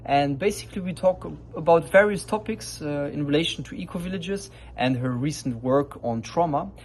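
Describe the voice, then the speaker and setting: A man's voice: a little high, normal speed. A man hosting his own video, giving a casual, upbeat introduction. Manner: upbeat, casual, with a pirate-style sign-off. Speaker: host. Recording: faint background noise.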